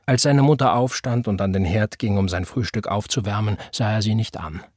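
A man narrating a literary audiobook in a measured, grave way, with a husky voice. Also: fairly low pitch, a little mellow, no echo, studio quality.

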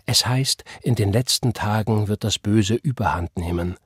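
A man voicing a gentle, pious churchwoman who speaks in a soft, comforting way. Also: fairly low pitch, normal speed, slightly rough, dry recording, clean studio sound.

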